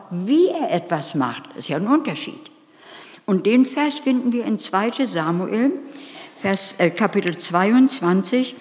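A woman's voice: mid-range voice, darkish tone, long reverb tail. A woman giving an earnest, emphatic sermon and putting direct questions to her listeners. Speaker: preacher.

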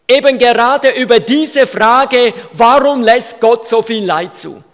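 Man preaching in a big hall, really high voice, emphatic, builds up to shouting. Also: takes it slowly. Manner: emphatic, rising to shouts in quoted rants. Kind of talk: evangelistic sermon. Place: hall with audience. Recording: reverberant hall.

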